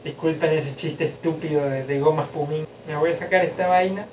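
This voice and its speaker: A man giving excited commentary while playing a motion game at home, chanting repeated cheers and shouting, picked up by a camera mic at a distance. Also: a little high, brisk, slight background noise. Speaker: gamer filming himself. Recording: loud game music over voice.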